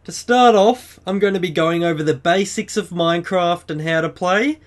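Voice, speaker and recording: A man's voice: high voice, normal speed. Upbeat young man hosting a tutorial. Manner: upbeat, chatty, self-mocking asides. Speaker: game tutorial host. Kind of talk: casual tutorial voice-over.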